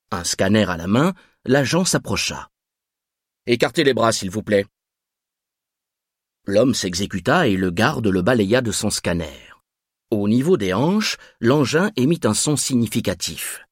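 A man reading a thriller aloud as narrator, with measured, expressive storytelling. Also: fairly low pitch, breathy edge, dry recording, clean studio sound.

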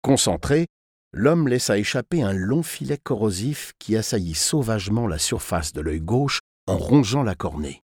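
A man narrates a grim story in a low, slightly husky voice. His delivery swings widely in pitch to build tension. The sound is close and dry. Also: moderate pace, dry recording. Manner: expressive, tense storytelling. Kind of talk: dramatic audiobook narration.

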